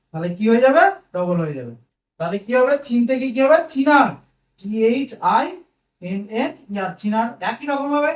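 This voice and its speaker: High-voiced man teaching, echoey room. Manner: patient, spells words letter by letter. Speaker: English grammar teacher. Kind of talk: explaining grammar to students. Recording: echoey room, mic at a distance.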